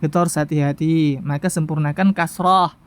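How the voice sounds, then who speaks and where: A Quran recitation teacher giving a tajwid lesson, patiently repeating syllables slowly for the listener to practice. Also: mid-range voice, steady tone, clear, resonant tone. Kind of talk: tajwid lesson with sound drills.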